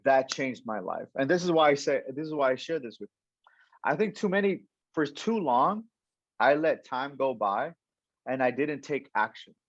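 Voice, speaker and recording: With a medium pitch and normal speed, a young coach on an interview recounts a story animatedly, performing the quoted dialogue of its characters. He restarts sentences often, and the recording has no room sound but a lo-fi quality.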